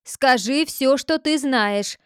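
A woman's voice: sits high, slow pace, smooth, no room sound, clean studio sound, voice pushed up. A woman reading a storybook, voicing a stern male judge who questions sharply. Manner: interrogating, insistent.

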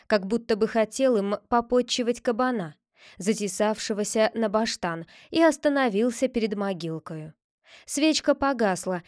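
A woman's voice: a little high, no room sound, clean studio sound. Woman reading a folk tale aloud. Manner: lively expressive reading. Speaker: narrator. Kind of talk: storytelling reading of a classic tale.

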